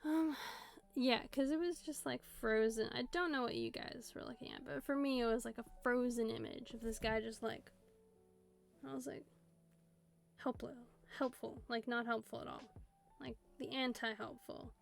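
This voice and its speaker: A woman in her twenties from the Seattle area, with an American West Coast accent, chats casually on a stream from her home setup as faint music plays. Her voice is on the high side, gravelly, steady in tone and at normal speed, and she rambles with plenty of fillers, especially lots of "like"s.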